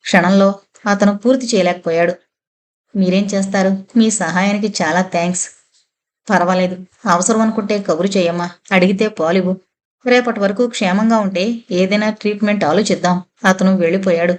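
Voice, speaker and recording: A woman's voice: mid-range voice, steady tone, normal speed. A woman narrating a novel as an audiobook, reading every character's lines in her own voice. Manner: reads all characters' dialogue in her own voice.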